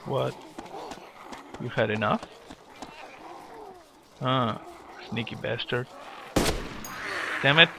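A man's voice: medium pitch, very slow, creaky, pauses often, noisy background. A man muttering terse commentary and curses at enemies while playing a game. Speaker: gamer. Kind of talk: gameplay commentary. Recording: loud gunfire behind the voice.

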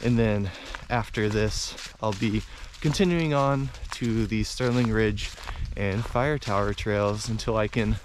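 A man's voice: fairly low pitch, unhurried, hardly any pauses, background noise. Man vlogging a rainy forest hike. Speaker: hiking vlogger. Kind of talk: casual narration to camera while hiking. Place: outdoors on a forest trail in rain.

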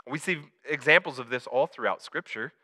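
Bright-voiced man preaching a sermon. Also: normal speed. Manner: swings from loud emphatic build-ups to soft low confessions; repetitive, conversational preaching with stumbles. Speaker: pastor. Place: church livestream.

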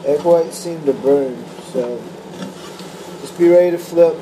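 A young man vlogging in his home kitchen, explaining his cooking step by step in a relaxed, matter-of-fact way with plenty of fillers. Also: fairly high pitch, measured pace, background noise. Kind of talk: casual cooking vlog. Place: home kitchen indoors, then a car. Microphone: handheld camera close, at times set down.

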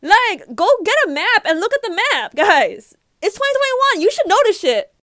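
A young woman doing comedic skits in an animated, brash way, swearing freely. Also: very high-pitched, moderate pace, a little hiss or hum. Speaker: comedy content creator.

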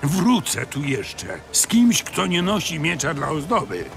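An actor playing a zealous, indignant monster slayer in a video game, speaking in a dramatic, accusing way. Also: male voice, on the high side, sing-song, measured pace, vocal fry, a bit bright, faint music behind, full character voice. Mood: scornful.

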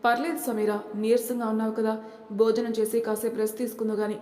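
A woman reading the lines of a gentle young husband who soothes his wife, in a room with a long echo. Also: a little high, level tone, fairly quick, natural voice. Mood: soothing. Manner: soft, reassuring. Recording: echoey room with long reverb.

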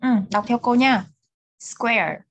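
A young woman with a Vietnamese accent teaches English online. She speaks slowly and patiently in a fairly high voice, with her words mixed between English and Vietnamese. The sound is close and dry. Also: dry recording, dull audio. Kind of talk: online repeat-after-me language drill.

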